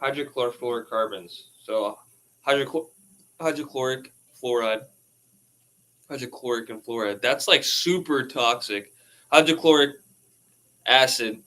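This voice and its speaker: A man's voice: mid-range voice, unhurried, pauses often, pushed and bright, rough recording. A casual man reading out news posts and riffing on them, with laughing asides and swearing. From United States. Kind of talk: casual rambling commentary.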